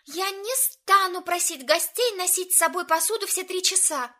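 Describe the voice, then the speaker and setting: A woman's voice: mid-range voice, brisk, fairly bright tone, close to an everyday voice. A woman voicing a firm, practical young woman who speaks unbendingly in a storybook reading. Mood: adamant.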